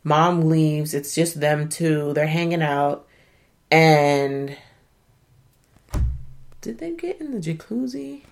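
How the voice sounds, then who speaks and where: Animated slangy woman recapping a show. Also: deep voice, takes it slowly, gravelly, pauses often. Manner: animated, swears, laughs a lot, slangy. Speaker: show reviewer. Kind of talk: casual chat recapping a reality show.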